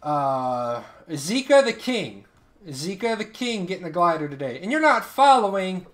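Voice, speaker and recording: A thirty-something man hosts a live stream full of giveaways, joking and bantering with chat in a casual way. His high, slightly bright voice has a sing-song quality and a measured pace.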